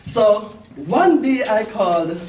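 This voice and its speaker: Her voice sits in the mid range, slow and a little mellow but very animated, as this middle-aged host and event organizer tells her gathering a story. She's informal and emphatic, repeating phrases and checking in with the audience. The recording is echoey and noisy, picked up from a distant mic at the live event.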